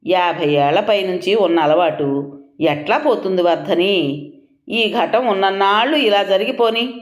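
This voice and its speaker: A kind elderly widow speaks in a mild, resigned way, as a woman narrator puts her on. Her voice still moves up and down with lively pitch, in an echoey room. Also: measured pace, lightly acted. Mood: gentle. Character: gentle elderly widowed sister, humble and kind.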